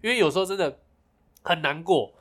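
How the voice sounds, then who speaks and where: A man's voice: fairly high pitch, lively intonation, a little fast, a bit bright. A young man, co-hosting a casual podcast chat, teasing and chatty. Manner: teasing, chatty, laughs often. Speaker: podcast co-host.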